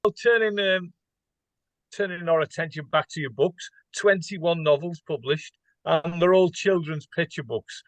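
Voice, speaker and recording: A man's voice: fairly high pitch, measured pace, dry recording, poor audio. A man co-hosting an interview, chatty and agreeable. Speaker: co-host, interviewer. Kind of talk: casual interview chat.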